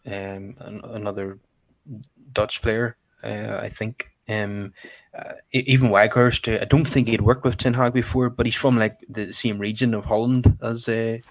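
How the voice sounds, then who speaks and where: A man with a slightly low voice hosts a casual football discussion. His delivery is hesitant and searching, and the sound is dry with no room echo. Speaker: host of a football fan channel.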